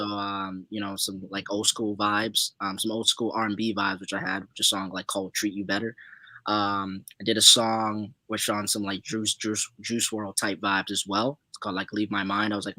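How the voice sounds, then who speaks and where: A man's voice: on the low side, flat delivery, normal speed, sharp tone, no room sound, rough recording. A young man from Zimbabwe, a guest musician answering interview questions in a loose, laid-back way full of fillers.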